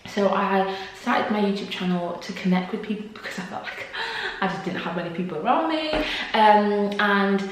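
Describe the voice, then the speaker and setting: A woman's voice: mid-range voice, moderate pace, a little hiss or hum. Young woman YouTuber, casual Q&A to camera, lots of fillers, strong room echo. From Congo. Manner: chatty, laughs often, many fillers.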